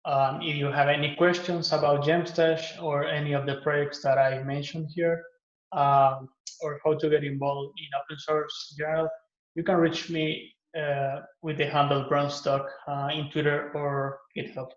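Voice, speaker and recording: An open source maintainer from Guatemala pitches his project at a conference in a relaxed way, with a slightly high voice and a moderate pace. He uses lots of "uh" and "um" and often restarts sentences. The audio is echoey and somewhat muffled, like a lo-fi room recording.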